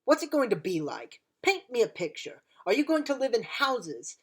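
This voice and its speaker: A woman's voice: a little high, very animated, moderate pace, husky. A woman playing an impassioned war veteran pleading for peace in a theatrical, rousing dramatic monologue. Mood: taunting, probing. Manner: theatrical, swinging from hushed to shouted. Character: impassioned, unforgiving-yet-forgiving time-traveller war veteran pleading for peace.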